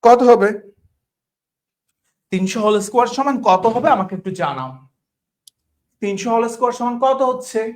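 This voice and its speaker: A man's voice: extremely high pitch, expressive, moderate pace, pauses often. A man with a Bangladeshi Bengali accent teaching an online class. He talks colloquially to his students, repeats each question, checks in with them all the time, and mixes English words into his Bengali. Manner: addresses students as brothers, colloquial. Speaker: tutor.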